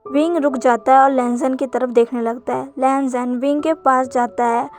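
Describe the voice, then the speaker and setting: A woman retelling a fanfic story in steady, plain narration. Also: sits high, normal speed, faint music behind.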